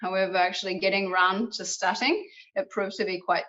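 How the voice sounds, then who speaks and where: A woman's voice: medium pitch, steady tone, a little fast, pushed and bright, muffled recording. A woman with a New Zealand accent, a martial arts guest, telling her story in a casual, enthusiastic interview chat over a video call. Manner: chatty and enthusiastic, with frequent fillers. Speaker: guest, kyudo practitioner.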